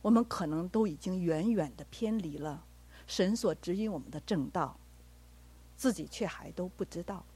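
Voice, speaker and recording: Husky woman preaching earnestly. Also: on the low side, normal speed, mellow. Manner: earnest, acts out quoted dialogue. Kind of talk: sermon with personal stories.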